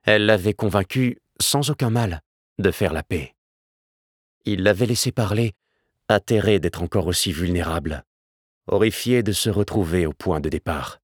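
A man reading a novel aloud in a measured, even way. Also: deep voice, dry recording, clean studio sound. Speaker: narrator.

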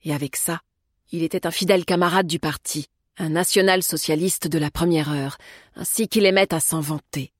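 Calm woman narrating an audiobook. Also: low-pitched, no echo, clean studio sound. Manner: calm, measured. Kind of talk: scripted narration.

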